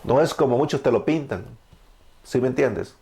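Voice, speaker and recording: A man in his thirties from El Salvador fervently shares his testimony as an evangelical sermon, with a Salvadoran Spanish accent, answering the questions he raises. His voice sits at medium pitch, a little mellow with vocal fry, at a moderate pace.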